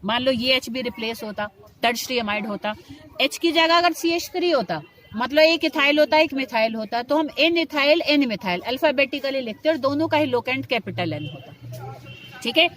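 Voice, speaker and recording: A woman's high-pitched, expressive, fairly bright voice comes at a normal speed as she teaches chemistry classroom-style. She speaks to her students with affection, frequently asking them questions and supplying the answers herself.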